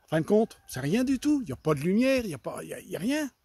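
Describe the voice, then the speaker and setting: This is a man telling his own faith testimony to listeners, earnest and fervent. His voice sits high for a man, and he often stops, restarts and repeats words. The sound is close and dry, with no room around it. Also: sing-song, very fast, dark tone, husky, no room sound. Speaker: church member giving a testimony. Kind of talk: personal faith testimony told to an audience.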